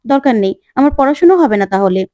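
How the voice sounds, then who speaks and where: Troubled young woman, curt and hurried, voiced by a woman narrator. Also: sits high, expressive, mellow, dry recording. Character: young woman hiding a secret, tense.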